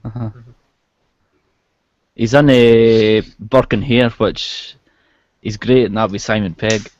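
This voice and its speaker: A man's voice: on the low side, fairly even intonation, slow, darkish tone, dry recording, dull audio. A man chatting casually about movies. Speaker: chat guest.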